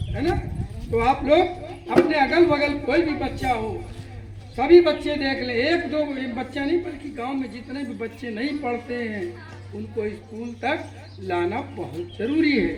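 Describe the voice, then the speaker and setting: A man speaks to villagers outdoors in a school enrollment street play, loud and rousing, tossing questions back to the crowd. His voice is very high. The sound is echoey, with light music behind. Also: a little slow. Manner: loud rousing call-and-response. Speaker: school awareness campaigner.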